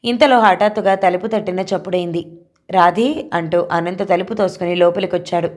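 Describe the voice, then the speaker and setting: A woman narrating an audio novel in a steady, expressive storytelling manner. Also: lowish voice, fairly quick. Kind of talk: reading a novel aloud.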